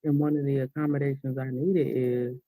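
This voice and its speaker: Male vlogger, American, mid-pitched and deeply mellow, dry close sound; loose colloquial rambling through a mouthful of food. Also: little pitch movement, fairly quick, dry recording. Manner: colloquial, unguarded, trailing off and losing the thread; talking with a mouth full while eating. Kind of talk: casual rambling monologue.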